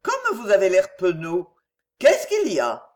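A woman's voice: medium pitch, wildly swooping pitch, a little slow. Woman doing a languid foppish English lord. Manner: languid, yawning drawl. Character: lazy drawling foppish English nobleman, tall.

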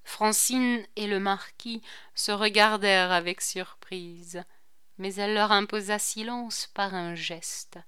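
A woman narrating a classic novel as an audiobook, in a measured, deliberate reading. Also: mid-range voice, steady tone, bright, forceful tone, clean tone, no room sound, studio quality.

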